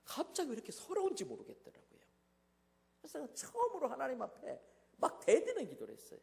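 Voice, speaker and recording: A man with a high, gravelly voice preaches a revival sermon, his pitch leaping up and down as he tells a story. His delivery swings between hushed asides and loud, dramatic bursts. The sound carries a long church-hall reverb. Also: huge pitch swings, a little fast. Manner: dramatic, swings from hushed to shouting in acted quotes. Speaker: guest pastor at a revival meeting. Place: church sanctuary.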